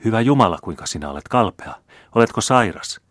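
A man's voice: on the low side, animated, no echo, clean studio sound, pitched above the performer's own voice. A man reading the part of a flighty, worldly baroness who fusses and coaxes her brother. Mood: coaxing. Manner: fussing, coaxing.

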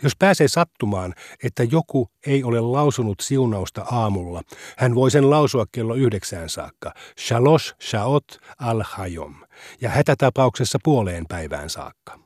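A man's voice: mid-range voice, animated, a little mellow, no room sound. Man reading religious law, dry studio. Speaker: reader of a translated legal text. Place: radio studio.

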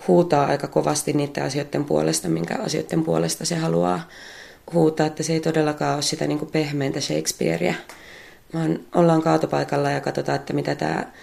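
A woman's voice: low-pitched, creaky, darkish tone. A woman who works as a puppet theatre artist, answering interview questions while thinking aloud, restarting and repeating words.

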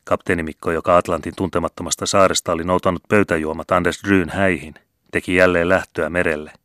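Male audiobook narrator, deep voice, folksy storyteller, dry close recording. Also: steady tone, a bit bright, dry recording. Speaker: audiobook reader. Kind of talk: literary narration.

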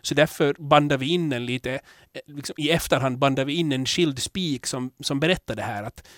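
A man hosting a podcast in casual chat, candid and rambling, with many restarts, growing animated when telling stories. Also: medium pitch, no echo, clean studio sound. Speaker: podcast host.

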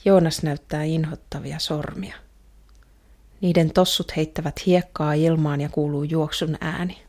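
A woman's voice: deep voice, steady tone, mellow. A woman voicing a young girl who longs for her father's approval, speaking in an earnest, hesitant first-person radio drama monologue.

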